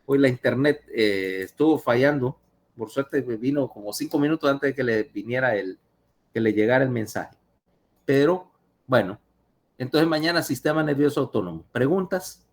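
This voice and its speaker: A man's voice: mid-range voice, lively intonation, normal speed. Chatty man giving an online lecture. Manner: chatty, asks listeners questions.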